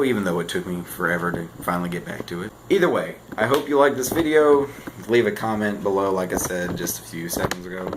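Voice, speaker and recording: A teenage boy making a comedic vlog, animated and self-mocking, swinging between loud bursts and mumbled asides. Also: medium pitch, rough recording. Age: teens. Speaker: vlogger. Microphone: camera on a shaky stand.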